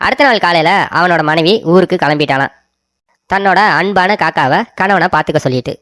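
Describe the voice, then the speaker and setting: A man's voice: on the high side, brisk, a bit bright, no echo. A man narrating a comic cartoon story in a casual, colloquial way.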